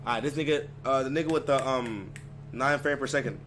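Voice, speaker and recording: Slangy male streamer over a noisy call. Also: mid-range voice. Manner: bossy, fast slang, repeats "bet" and "I'm saying". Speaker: streamer hosting a dating game. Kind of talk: casual hosting over a group call.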